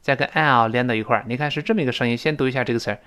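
A man teaching a spoken English lesson whose first language is Chinese. He explains at length with many fillers and repeats words slowly to model pronunciation. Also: medium pitch, a bit bright, clear, resonant tone.

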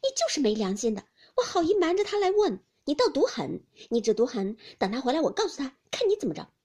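A woman doing a sharp-tongued teasing young maid. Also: sits high, very animated, fast, pitched above the performer's own voice. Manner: playful scolding, loud and bright.

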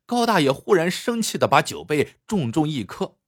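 Husky, animated male storyteller. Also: moderate pace. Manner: animated narration with lively pitch. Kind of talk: story narration.

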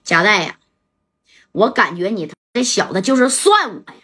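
A woman's voice: mid-range voice, animated, moderate pace, fairly bright tone, husky. A woman voicing a menacing, brash male gang boss who taunts and threatens.

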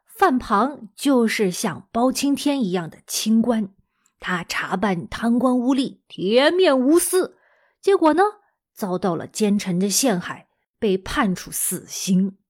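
A female teacher telling a story to children in a lively, chatty way, speaking straight to her young listeners. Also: mid-range voice, unhurried.

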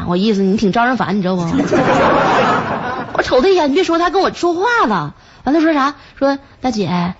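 A woman radio host with a Northeastern Chinese accent, telling a comic story in a chatty, self-mocking way and jumping in pitch to act out the people in it. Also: slight background noise. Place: radio studio. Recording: slightly dull radio broadcast.

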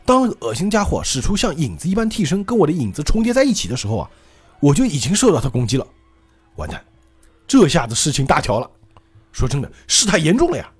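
A man hosting a podcast, retelling a story in a lively way and acting out each line. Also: a little high, fast, husky, soft background music. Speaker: podcast host.

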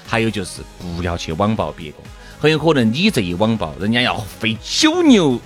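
A man's voice: fairly low pitch, wildly swooping pitch, a little fast, faint music behind. Laid-back Sichuanese man spinning wry stories. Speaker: podcast co-host. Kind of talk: casual comedic chat.

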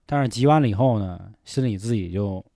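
A man's voice: on the low side, fairly quick, dark tone, dry recording, clean studio sound. A man hosting a casual podcast chat, frank and reflective, often swearing. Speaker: podcast host.

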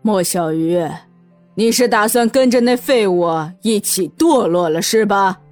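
A man's voice: high-pitched, expressive, a little slow, no echo, voice pushed up. A man voicing a cold, commanding old grandmother who heads the family, in a dry audiobook reading with faint music under it. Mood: cold, stern. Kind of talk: audiobook character voice.

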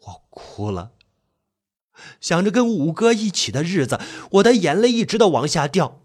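A man's voice: high-pitched, expressive, a little fast, a little mellow, husky. A man narrating a first-person horror story in a dramatic way. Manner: dramatic, shifting to panicked cries.

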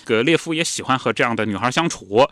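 A man co-hosting a podcast, narrating a story in a chatty, animated way. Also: mid-range voice, fast talker, no echo, studio quality.

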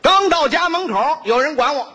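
Brash high-voiced man. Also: expressive, moderate pace, pushed and bright. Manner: brash, boastful bragging delivery. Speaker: crosstalk performer. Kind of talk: crosstalk comedy on stage. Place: stage before a live audience.

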